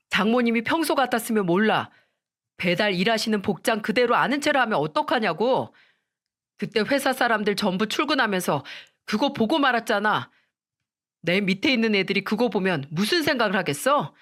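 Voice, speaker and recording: A woman's voice: mid-range voice, a bit bright, close to an everyday voice. A woman voicing an arrogant young husband in a storytelling drama, talking in a dismissive, irritated way. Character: arrogant newly promoted husband, young man.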